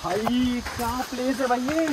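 A young man hosting a travel vlog outdoors, talking excitedly and playfully to viewers. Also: very high voice, a little slow. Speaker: travel vlogger. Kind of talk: casual outdoor vlog chat. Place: outdoors by a waterfall. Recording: outdoor waterfall noise.

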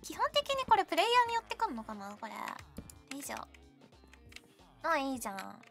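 A woman's voice: sits high, huge pitch swings, a little fast, fairly bright tone. A young woman streaming a game, chatting and teasing her viewers in a playful, talkative way. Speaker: VTuber streamer. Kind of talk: casual game stream chat. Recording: faint music behind voice.

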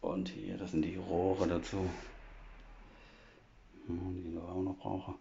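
A man with a very low, gravelly voice chats his way through a home tour, explaining each thing step by step and padding his talk with fillers. The sound is dull and lo-fi, picked up by a phone as he walks around indoors. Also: little pitch movement, slow, warm tone, slight background noise. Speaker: vlogger giving a home tour. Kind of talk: casual walkthrough chat. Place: old half-timbered house, indoors. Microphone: phone camera held while walking.

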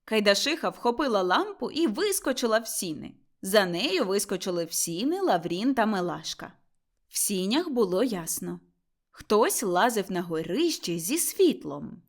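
A woman reading an audiobook with expressive storytelling narration. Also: medium pitch, moderate pace. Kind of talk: scripted narration.

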